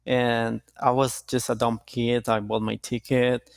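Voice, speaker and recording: Gravelly-voiced young man in a dry interview. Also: medium pitch, dry recording. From Costa Rica. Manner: relaxed, halting, with restarts. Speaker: jiu-jitsu athlete, guest. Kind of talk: casual interview answers.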